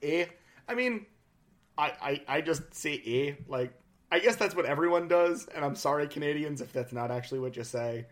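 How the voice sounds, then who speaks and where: A man co-hosting a casual podcast, jokey and quick with asides, swearing freely. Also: a little high, expressive. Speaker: podcast co-host.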